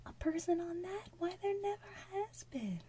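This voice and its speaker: A woman's voice: very high-pitched, big pitch swings, normal speed, dark tone, slight background noise, voice pushed up. A sour, mocking kangaroo, whispered by a woman. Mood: scornful. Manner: mocking and snide. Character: sour, scornful female kangaroo.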